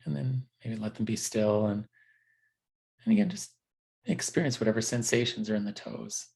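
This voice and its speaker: Leading a body scan meditation, this teacher talks in a gentle, unhurried way, pausing often and feeling his way without a script. He has a lowish, creaky voice, yet his intonation is lively.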